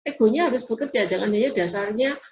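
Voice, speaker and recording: A woman's voice: fairly high pitch, fast. A woman giving a classroom lecture in an explanatory way, often tagging sentences with a questioning "ya". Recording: dull lo-fi recording.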